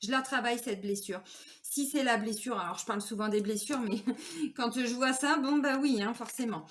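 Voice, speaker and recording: A woman's voice: on the high side, normal speed, a little hiss or hum. A woman in her forties giving a casual spiritual card reading, chatty, with frequent fillers and laughs. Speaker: tarot and oracle card reader.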